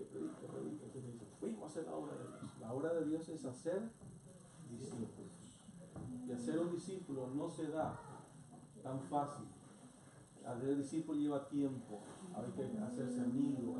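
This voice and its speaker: Preaching pastor in an echoey hall. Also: male voice, mid-range voice. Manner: earnest preaching with rhetorical questions. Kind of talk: sermon. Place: church hall. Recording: echoey church hall from far off, noisy.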